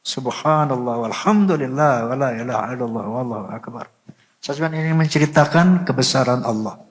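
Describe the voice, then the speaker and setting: Older man telling a heartfelt story in a hall. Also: a little fast. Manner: heartfelt, pitch rising sharply when moved, murmured prayers. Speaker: musician telling a personal story. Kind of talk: emotional religious storytelling.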